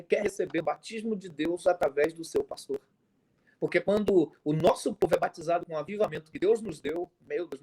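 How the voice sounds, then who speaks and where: A male pastor with a Brazilian Portuguese accent preaching to fellow pastors over a video call, lively and full of stories. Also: on the high side, breathy edge. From Brazil, Minas Gerais. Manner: animated preacher, tells stories, acts out dialogue. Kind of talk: sermon-style talk to pastors.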